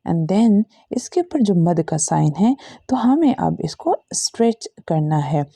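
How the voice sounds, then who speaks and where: A woman teacher with an Urdu-Hindi accent walks through a recitation lesson letter by letter, stretching each sound patiently. Her voice is dark and mellow with a gravelly edge. The recording is dry and close. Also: lowish voice, sing-song, slow pace, no echo. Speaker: Quran reading teacher. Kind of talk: slow step-by-step recitation lesson.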